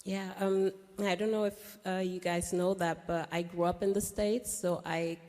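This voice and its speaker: A woman from Cameroon speaking on a panel, hesitant with many pauses and fillers, then emphatic. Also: lowish voice, flat delivery, darkish tone. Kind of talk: panel discussion. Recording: reverberant hall recording.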